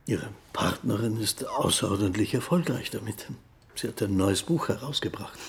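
A formal interviewer in a radio play who asks clipped questions. His voice is very raspy and gravelly, and it sits rather low. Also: lively intonation, moderate pace, heavily acted.

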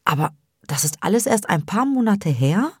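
Eine Frau, die eine neugierige, aufgeregt fragende junge Schwester spricht. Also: female voice, mid-range voice, very animated, moderate pace, husky, no echo, clean studio sound, pitched above the performer's own voice. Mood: curious. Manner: eager questioning. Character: curious young sister, eager.

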